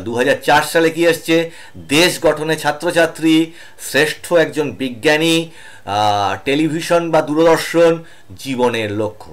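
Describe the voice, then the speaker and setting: Male teacher, slightly high voice, reads lists steadily with filler pauses, online class. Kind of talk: online exam-prep lesson.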